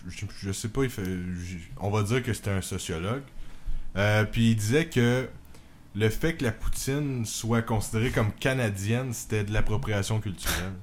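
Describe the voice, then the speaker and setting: A Québécois man on a comedy podcast, with a somewhat low voice and a faint background hiss. He speaks haltingly and fills his pauses with ums. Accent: Québécois French. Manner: hesitant, halting, many ums. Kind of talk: casual comedy podcast chat.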